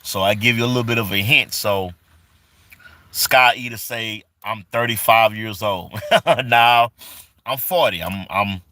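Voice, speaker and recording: This lowish, sharp-toned voice belongs to a man in his forties who speaks unhurriedly on a relaxed live stream. He reads out viewer comments and greets people in a rambling, repetitive way packed with fillers, and there's no room sound.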